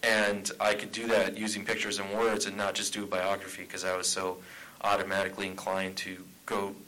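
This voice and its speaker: Male panel guest from Arizona, lower pitch with a bright, forward tone, loose and jokey. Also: completely flat delivery, brisk, low-quality recording. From Tucson, Arizona. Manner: chatty, joking, laughs often. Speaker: comic writer, panel guest. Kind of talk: panel talk at a convention. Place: convention panel room.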